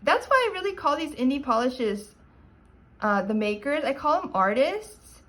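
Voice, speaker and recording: A woman chatting in a casual haul video, gushing and self-describedly dorky, sometimes dropping to soft murmurs while showing polishes. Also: sits high, big pitch swings, normal speed. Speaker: nail polish vlogger.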